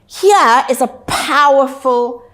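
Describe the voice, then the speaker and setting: A woman giving a motivational webinar talk. She speaks emphatically and repeats key lines slowly for effect. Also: high voice, fairly bright tone. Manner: emphatic, slow deliberate repetition for effect. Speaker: wellness webinar presenter.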